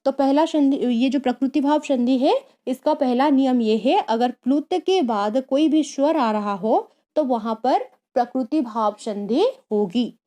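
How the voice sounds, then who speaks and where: A woman's voice: sits high, measured pace, hardly any pauses, mellow. A woman teaching a grammar lesson, explaining patiently, repeating key terms and asking rhetorical questions. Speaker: Sanskrit teacher.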